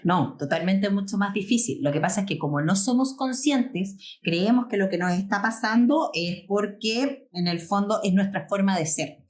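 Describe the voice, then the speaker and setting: A woman's voice: mid-range voice, normal speed, few pauses, darkish tone. A Chilean woman who is a healing specialist, explaining parenting earnestly in a live stream conversation and acting out quoted parents. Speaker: inner child healing specialist.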